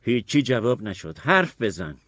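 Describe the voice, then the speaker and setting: A man voicing Atticus, a calm but stern lawyer father who scolds his children firmly in a Persian audiobook drama. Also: mid-range voice, no room sound, clean studio sound. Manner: firm, measured, scolding.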